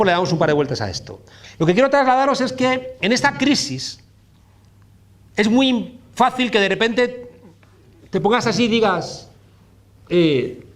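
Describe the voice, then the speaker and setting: A man from giving a public political talk, digressive and joking, often tagging sentences with a questioning "no?". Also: high voice. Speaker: political speaker.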